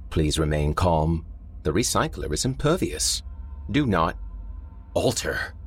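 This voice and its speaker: A man voicing a calm, polite artificial facility voice that soothes a prisoner in an even, machine-like manner. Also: deep voice, slow, slightly rough, soft background music, full character voice. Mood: soothing. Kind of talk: storybook horror narration.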